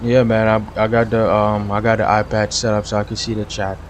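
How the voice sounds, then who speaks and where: A Trinidadian man with a fairly low voice and a totally flat delivery talks fairly quickly over slight background noise. He's a gaming streamer casually commentating a police game live, chatting with viewers and laughing often.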